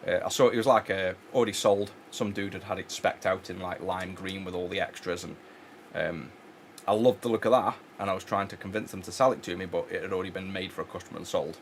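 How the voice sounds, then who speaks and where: The host of an electronics repair channel talks fast and steadily in a low voice as he works at his bench, rambling with plenty of ums and restarted sentences. Faint noise runs beneath the audio.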